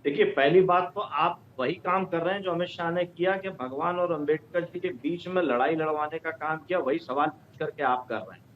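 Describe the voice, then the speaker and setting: Man, debate panelist, high voice, pointed rebuttal, dull line, faint rumble behind. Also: moderate pace.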